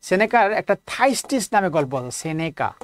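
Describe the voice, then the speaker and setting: A man's voice: high voice, sing-song, normal speed. A man teaching exam prep, asking questions and answering them himself, repeating the key answers. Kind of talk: lecture mixing Bengali and English.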